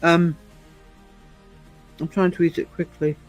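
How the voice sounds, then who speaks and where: A woman's voice: lowish voice, flat delivery, slow, faint music behind. A woman in her fifties chatting casually with viewers on a livestream, rambling and chuckling often. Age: 50s. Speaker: livestream host.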